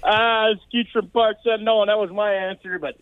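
High-voiced rambling man on the phone. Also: steady tone, moderate pace, clear, resonant tone, dry recording. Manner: rambling, cheerful. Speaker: caller. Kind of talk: casual phone call. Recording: phone line.

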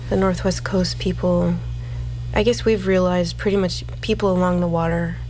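A woman's voice: lowish voice, steady tone, moderate pace, a little mellow, faint music behind, poor audio. A woman singer from Connecticut speaking in an interview with wry, dry humor. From Hartford, Connecticut. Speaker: singer, guest.

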